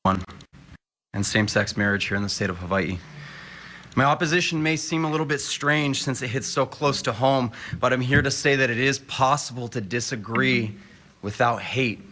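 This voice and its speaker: A man's voice: medium pitch, bright, forceful tone, slight background noise. A man in his late twenties giving firm, impassioned public testimony at a podium in a state capitol hearing room, posing rhetorical questions. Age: 20s.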